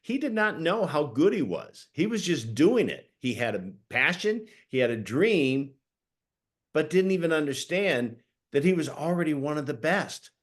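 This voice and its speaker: A man's voice: on the high side, big pitch swings, normal speed. A man hosting a video call as a coach, talking to the audience in an earnest, encouraging way. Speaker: host, coach. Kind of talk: motivational talk on a video call.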